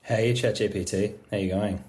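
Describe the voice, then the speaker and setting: A man's voice: on the low side, fairly even intonation, normal speed, darkish tone, echoey room. A man, casual and friendly, chatting to an AI app. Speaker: AI app user, interviewee.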